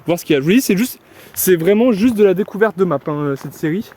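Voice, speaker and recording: A man's voice: high-pitched, lively intonation, quick pace, warm tone. Chatty young man rambling outdoors. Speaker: vlogger. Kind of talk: casual walking vlog. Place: outdoors in a forest.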